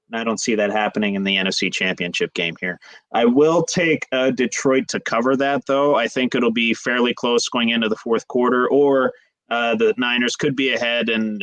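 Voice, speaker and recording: A man on a sports podcast talks through his picks in an easy, casual way. His delivery is relaxed and loose, with frequent "uh" fillers as he hedges. The voice sounds dry, with no room echo. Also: mid-range voice. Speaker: podcast co-host.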